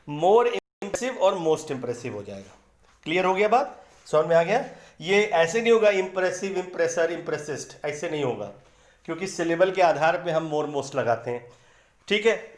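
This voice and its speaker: A man teaching English grammar in a patient, explanatory way, repeating words slowly to break them into syllables. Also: high voice, echoey room. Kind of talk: explanatory lesson in Hindi.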